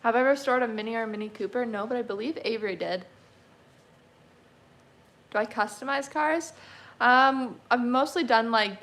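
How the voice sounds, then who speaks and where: A woman's voice: medium pitch, a bit bright. A woman in her twenties, a car restoration creator answering livestream chat in a chatty, easygoing way with frequent laughs. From Canada. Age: 20s. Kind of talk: casual livestream Q&A reading chat.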